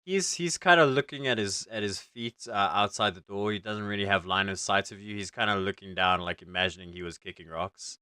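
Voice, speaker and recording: Smooth-voiced man running a tabletop game. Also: lowish voice, fairly quick, few pauses, bright, forceful tone, no echo, studio quality. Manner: informal, hesitant improvising. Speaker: game master. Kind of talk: casual narration of a tabletop game.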